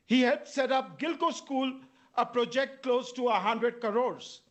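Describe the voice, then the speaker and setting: A man with an Indian accent reading formal scripted introductions as master of ceremonies at a debate, in a measured way. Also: very high-pitched.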